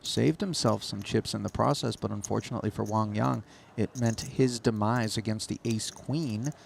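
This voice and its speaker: A man commentates live on poker with a creaky, gravelly edge to his voice. His phrasing is wordy and florid. Faint noise and ambience sit behind him. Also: on the low side, normal speed.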